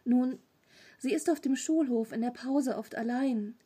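A woman's voice: a little high, a little slow, mellow, husky. A woman reading a storybook, voicing an earnest, questioning nine-year-old boy.

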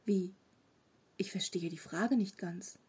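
A woman's voice: mid-range voice, slow, a little mellow, slightly rough, full character voice. A woman voicing a naive three-eyed monster. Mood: puzzled.

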